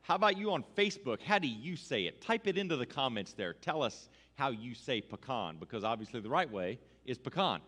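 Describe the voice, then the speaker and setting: A man's voice: on the high side, fairly bright tone. A man preaching a casual, playful Thanksgiving sermon to his congregation, joking and getting them to repeat lines after him. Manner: playful, audience-engaging, asks congregation to repeat. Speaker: pastor. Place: church sanctuary with congregation. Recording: long hall reverb.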